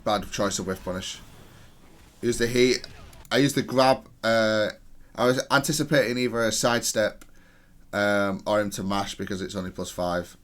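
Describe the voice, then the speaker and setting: At normal speed and in a fairly bright tone, this fairly low-voiced gamer reviews his own match. His take is analytical and matter-of-fact, and he doesn't spare himself criticism.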